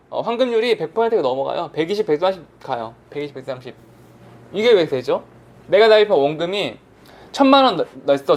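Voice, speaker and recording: A man lecturing for an online exam prep course, his voice sitting high and swinging widely up and down. He talks casually, throwing questions at the class and answering them himself. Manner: animated, asks and answers his own questions. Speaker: insurance exam instructor.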